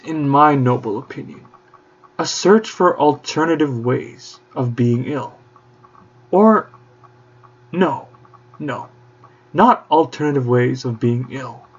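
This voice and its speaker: Slow, husky man with grand theatrical flourishes. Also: mid-range voice, a little mellow. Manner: grandiose, theatrical, playful old-fashioned flourishes. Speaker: podcast host. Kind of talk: mock-courtly podcast monologue. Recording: dull lo-fi recording.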